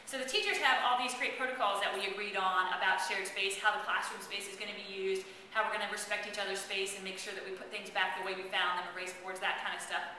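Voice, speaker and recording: Fast-talking woman in an echoey room. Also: medium pitch, little pitch movement, pushed and bright. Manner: direct, earnest, addressing students. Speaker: school administrator. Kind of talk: school announcement to students. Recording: echoey room, far from mic, faint noise.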